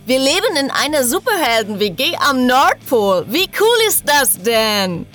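A woman's voice: high-pitched, sing-song, measured pace, a bit bright, soft background music, voice pushed up, full character voice. A woman voicing Gilroy, a cheerful, playful young superhero man in an audiobook. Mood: enthusiastic.

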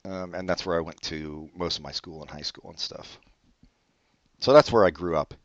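He has a low voice, fairly even intonation and a moderate pace, with no room sound on a dull, dry lo-fi recording. As a podcast co-host born in Brazil and raised in California, he chats casually and comedically, dry and rambling, tossing in offhand swears.

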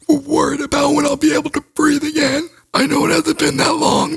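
A man acting out a winded, panicking ghost hunter in a comedy sketch, speaking high and breathless. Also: gravelly, a bit bright, heavily acted, low-quality recording.

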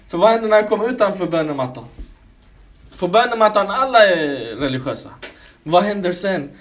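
Guy preaching a sermon, pretty high voice, lots of questions thrown at the crowd, "brothers and sisters". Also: fairly bright tone, slight background noise. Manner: asks listeners many rhetorical questions; addresses listeners as brothers and sisters.

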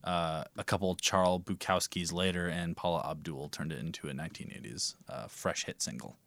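A man co-hosting a casual podcast, dropping absurd jokes in a deadpan way. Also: low-pitched, fairly quick, no room sound. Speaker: podcast co-host.

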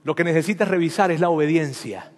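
A preacher voicing God reassuring a listener, gently and warmly, in a sermon. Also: male voice, fairly high pitch, fast, lightly acted. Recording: long hall reverb.

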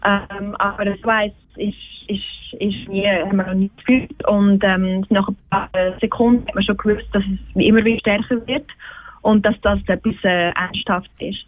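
Eine Frau in den Vierzigern, live über eine dünne Telefonleitung zugeschaltet, spricht stockend und sucht nach Worten. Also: female voice, mid-range voice, level tone, moderate pace, dry recording. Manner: hesitant, searching for words, many restarts. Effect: thin telephone line. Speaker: guest connected live by phone. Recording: tinny phone line, dry.

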